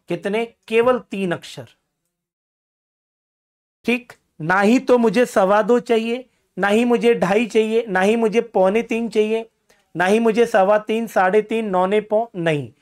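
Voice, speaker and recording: Guy teaching grammar for exam prep, keeps asking stuff and answering it himself, jokes about his own voice. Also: sits high. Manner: addresses students as friends, asks and answers his own questions; self-deprecating joking asides.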